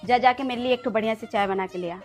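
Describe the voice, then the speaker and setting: A woman's voice: fairly high pitch, quick pace, faint music behind, natural voice. A woman playing a chatty, teasing mother-in-law with rustic speech in a comic family skit.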